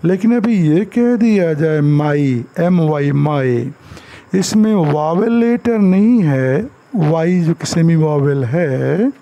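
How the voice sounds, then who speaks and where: A man teaching basic English grammar in Hindi. He mixes in English phrases and repeats words slowly for emphasis. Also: on the high side, expressive, dark tone, highs cut off, a little hiss or hum. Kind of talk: classroom lecture.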